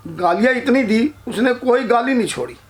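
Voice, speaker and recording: High-voiced man telling a folk tale. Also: animated, moderate pace. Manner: repetitive, loose storytelling with restarts. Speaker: storyteller.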